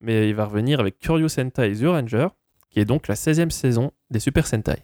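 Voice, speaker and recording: A man's voice: medium pitch, fairly quick, a little mellow, no echo, studio quality. A man co-hosting a casual chat, telling a story in a chatty way with frequent hesitations and asides to the listeners. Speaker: podcast co-host.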